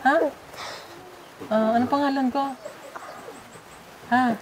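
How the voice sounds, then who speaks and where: A woman's voice: sits high, fairly even intonation, takes it slowly, background noise. A woman vlogger chatting with a family at their home, coaxing and teasing with lots of questions. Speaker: vlogger visiting a sponsored child. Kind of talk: casual vlog chat.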